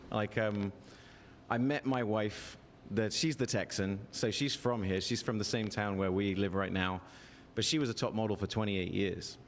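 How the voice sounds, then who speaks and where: A man in his forties with a softened English accent, chatting as a guest on a live show, self-mocking and quick to laugh at his own jokes. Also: on the low side, in a large hall, slight background noise. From England. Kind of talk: casual live interview.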